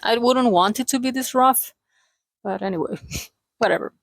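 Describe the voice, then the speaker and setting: A Chilean woman with a fairly high, gravelly voice speaks English as a second language at a moderate pace, her Chilean Spanish accent clear, with no echo. She's a vlogger and aspiring cartoonist and illustrator, chatting in an unscripted, confessional way, hunting for words hesitantly and poking fun at herself with small jokes.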